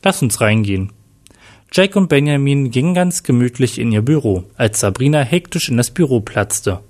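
A man's voice: medium pitch, moderate pace. Man narrating a crime story. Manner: plain, steady storytelling.

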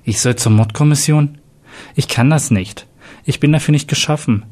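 A man's voice: mid-range voice, normal speed, darkish tone, voice pushed up, natural voice. A man voicing a shaken young male police detective in a read-aloud crime story, subdued and earnest.

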